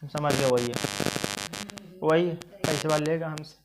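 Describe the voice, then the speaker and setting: Casting: a classroom teacher telling a folk tale, chatty and lively, medium pitch, faint hiss behind. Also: measured pace. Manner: lively, chatty, checking in with listeners.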